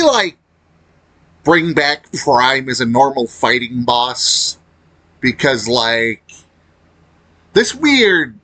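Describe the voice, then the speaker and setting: Off the cuff, a man comments on a game for his videos, his husky, rough voice pushed and bright. He speaks slowly yet with a pitch that rises and falls constantly. His delivery rambles and stalls, with thoughts trailing off as he reworks them mid-sentence.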